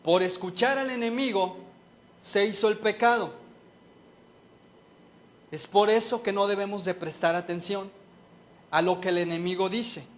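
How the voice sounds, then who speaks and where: A man preaching a sermon and sharing a personal testimony, speaking earnestly and with deep feeling straight to his listeners. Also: steady tone, measured pace, pauses often, a bit bright.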